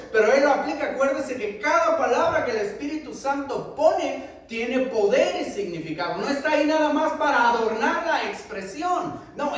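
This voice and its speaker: A man preaches in a very high voice, his pitch rising and falling with emphasis. He asks rhetorical questions in a sermon style. He is heard from far off, with heavy echo filling the church hall. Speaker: pastor. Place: church sanctuary.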